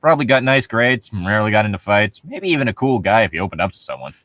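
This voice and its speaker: This co-host reads online horror fiction aloud and mocks it, his lowish, fairly bright voice very animated and quick. The recording is dry, and he banters casually, drops sarcastic asides, and keeps breaking into amused laughter.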